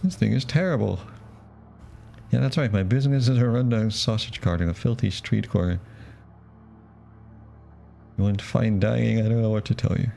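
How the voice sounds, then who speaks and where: A man's voice: fairly low pitch, moderate pace, creaky, pauses often, warm tone, soft background music. A man doing a blunt street food vendor woman. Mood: brusque.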